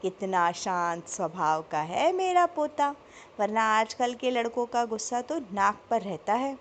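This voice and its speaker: A woman voicing an elderly grandmother who dotes on her grandson, speaking slowly and fondly, with a tart edge. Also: fairly high pitch, animated, a little hiss or hum. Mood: doting. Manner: slow, drawn-out, fond speech.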